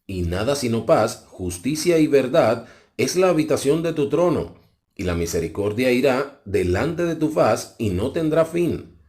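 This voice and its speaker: A man's voice: medium pitch, sing-song, a little slow, darkish tone. A man voicing a reverent old prophet. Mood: reverent awe. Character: pleading old male prophet, reverent and awed. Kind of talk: scripture reading.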